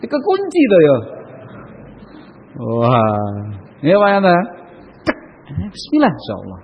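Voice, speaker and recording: A man's voice: a little high, wildly swooping pitch, unhurried, husky. A man giving a casual religious talk, chatty and often asking listeners to agree. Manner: chatty, asks the audience for agreement, slips into Javanese. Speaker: Islamic preacher. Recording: dull lo-fi sound with long hall reverb.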